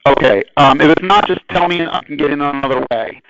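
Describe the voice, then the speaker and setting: A man's voice: on the high side, fast talker, fairly bright tone, dry recording. Man on a glitchy, breaking-up phone line. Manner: explains plainly with hypotheticals and frequent "okay?" check-ins. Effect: choppy, fuzzy internet phone audio that breaks up. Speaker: webinar presenter on employment law. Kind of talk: explanatory webinar talk. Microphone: internet phone call.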